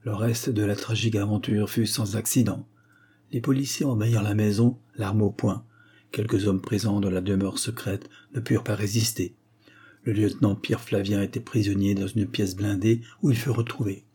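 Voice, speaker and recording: Husky-voiced man reading a thriller. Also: lowish voice, normal speed. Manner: steady, dramatic storytelling. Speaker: narrator. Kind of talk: audiobook reading of a spy novel.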